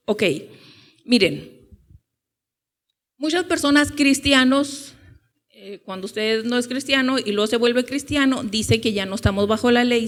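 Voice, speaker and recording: A woman preacher giving an informal Bible teaching. She asks the congregation rhetorical questions and slows down to stress key points. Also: fairly high pitch.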